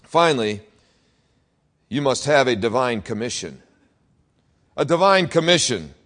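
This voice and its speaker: Man, senior pastor, sermon, dramatic storytelling, very animated delivery. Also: mid-range voice, a little slow. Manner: dramatic storytelling, voice swings from hushed to loud.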